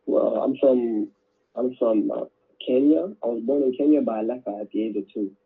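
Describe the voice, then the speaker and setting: A man's voice: medium pitch, normal speed, vocal fry, husky. A man in his twenties from Canada answering sales-call questions hesitantly, with many fillers. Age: 20s. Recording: tinny phone-call recording.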